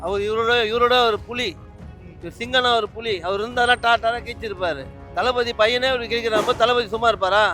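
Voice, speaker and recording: A party supporter speaking outdoors on a street in a mocking, boastful way. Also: male voice, very high-pitched, steady tone, brisk, pushed and bright, faint music behind.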